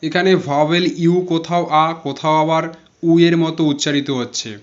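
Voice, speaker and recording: A man whose first language is Bengali, patiently explaining English pronunciation rules and slowly repeating example words. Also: on the high side, steady tone. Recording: dull lo-fi recording.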